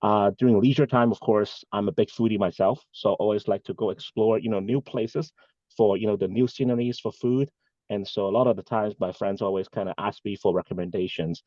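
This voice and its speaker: A man's voice: lowish voice, fairly even intonation, brisk, a little mellow, no echo, muffled recording. A man, giving earnest, rambling answers as an interview guest over a video call. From Hong Kong. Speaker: guest, bank executive. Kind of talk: casual interview talk.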